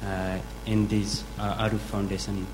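A man from Nepal in the audience asking a halting question, full of fillers. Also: fairly low pitch, flat delivery, noisy background. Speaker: audience member.

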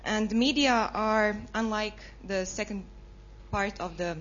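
A woman's voice: mid-range voice, unhurried, a bit bright, muffled recording. A woman from Croatia, a student, asking an earnest, detailed question at a public debate.

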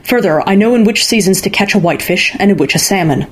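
A woman's voice: medium pitch, lively intonation, fast, husky, pitched above the performer's own voice. A woman voicing a proud, stubborn young man who boasts of his knowledge. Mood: boastful. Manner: earnest, proud, raised. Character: boastful young male charm singer, stubborn.

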